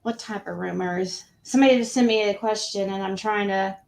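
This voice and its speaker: A woman's voice: mid-range voice, fairly quick, vocal fry, a little mellow. A woman hosting a casual livestream panel, asking questions in an informal, rambling way. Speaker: panel host. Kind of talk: casual true crime livestream chat.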